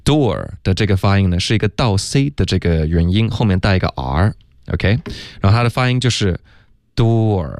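A man's voice: low-pitched, animated, normal speed, no room sound, studio quality. A man teaching English pronunciation on a radio lesson, explaining step by step and saying "OK" often. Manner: patient, step-by-step, frequent "OK" and "嗯". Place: radio studio.

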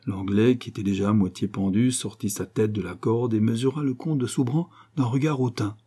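A man reading a classic French novel aloud as an audiobook, in a measured narrating tone. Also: fairly low pitch, dark tone, breathy edge. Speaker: audiobook reader.

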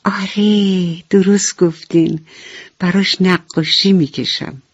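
A woman storyteller voicing a sweet, eager little girl in hospital, talking in a bright, quick, childlike way. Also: on the low side, fairly even intonation, slightly rough, no echo, voice pushed up. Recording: dull radio recording with faint music.

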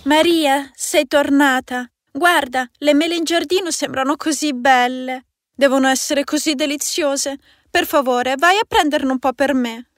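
A woman's voice: high voice, a little slow, no echo, voice pushed up. A woman voicing a spoiled, childish older sister in a fairy-tale story, wheedling.

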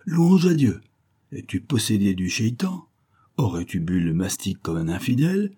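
A man's voice: fairly low pitch, sing-song, moderate pace, mellow, breathy edge. A man voicing the indignant faithful of a mosque who accuse in an outraged tone. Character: indignant devout men of the mosque.

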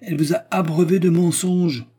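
A man's voice: sits high, steady tone, moderate pace, mellow, slightly rough, pitched above the performer's own voice. A man putting on a haughty scornful aristocratic lady. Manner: indignant, emphatic, scornful.

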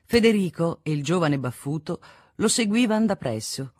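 Woman, novel narration, expressive, measured, dry studio. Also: on the low side, no echo. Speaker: audiobook reader. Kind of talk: literary audiobook narration. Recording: dry close studio sound.

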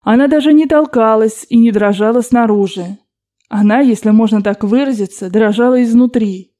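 Woman narrator, audiobook, steady expressive read, slightly high, warm tone. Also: moderate pace.

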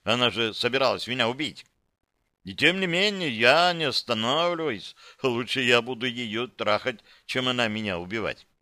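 A man's voice: medium pitch, expressive, normal speed, sharp tone, dry recording. A man narrating an audiobook in the first person, in a dry, wry, matter-of-fact way.

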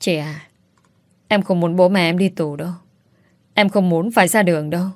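A woman reading as a gentle teenage boy who sobs and pleads in slow, broken phrases. The voice is low, and the recording is close and dry. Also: dry recording, lightly acted. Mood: tearful. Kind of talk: audiobook character voice.

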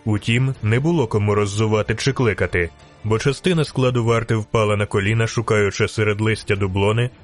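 A man reading a fantasy novel aloud in steady, scripted audiobook narration. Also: medium pitch.

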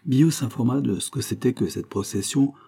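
Dark, husky-voiced male narrator. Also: medium pitch, normal speed. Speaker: audiobook narrator. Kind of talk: scripted narration of a classic novel.

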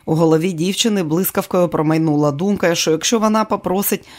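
A steady audiobook narrator reads the story in an even, measured voice. The delivery stays calm and clear, with a middle pitch.

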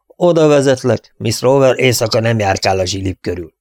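A man voicing a gruff, suspicious male ranch guard in an audiobook. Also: medium pitch, expressive, a little mellow, no room sound, studio quality, lightly acted.

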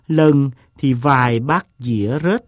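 A man reading a story aloud, voicing an eccentric, self-mocking gentleman who tells a long tale in a slow, deliberate way. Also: mid-range voice, dry recording, studio quality. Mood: wry.

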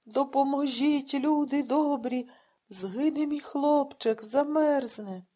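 A woman's voice: high-pitched, slow pace, mellow, voice pushed up. A woman voicing an old blind male bandurist who is breathless and pleading with worry. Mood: desperate pleading. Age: older.

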